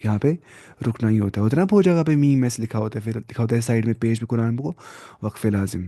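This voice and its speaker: A man's voice: medium pitch, warm tone, no room sound, studio quality. A man teaching Quran reading in a live online class over a video call, patient and repeating each term. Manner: patient, explains by repeating terms. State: sleepy.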